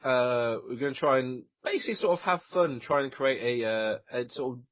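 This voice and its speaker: A man's voice: medium pitch, expressive, fairly quick, dry recording. A man co-hosting a gaming podcast, talking casually with many fillers and restarts. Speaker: podcast co-host. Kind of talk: casual chat. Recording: dull lo-fi voice recording.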